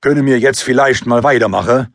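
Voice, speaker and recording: A man's voice: medium pitch, fairly quick, no echo, clean studio sound, natural voice. A man voicing a cheerful male robber dressed as St. Nicholas, breezy and pushy. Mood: sunny, pushy. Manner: breezy, sunny menace.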